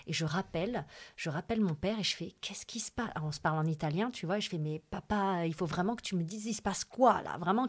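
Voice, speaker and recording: Lowish voice, young woman from the alps, chatty and emotional, lots of fillers when she tells her story. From France, Hautes-Alpes. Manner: chatty and lively, with many fillers and asides to the host. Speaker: guest telling her life story.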